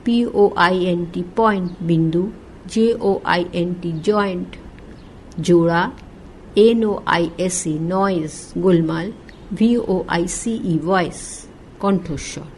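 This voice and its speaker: A woman's voice: lowish voice, a little slow, a little hiss or hum, low-quality recording. A woman reading an English textbook aloud, spelling each word letter by letter, then saying it and giving its meaning. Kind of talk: slow spelling and pronunciation drill.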